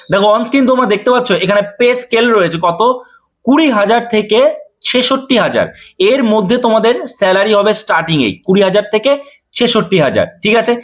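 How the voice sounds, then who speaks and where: A man's voice: sits high, fairly bright tone. A man explains a job notice to viewers as a coaching teacher, checking in often to make sure they follow. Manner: quick, addressing viewers directly with frequent check-ins.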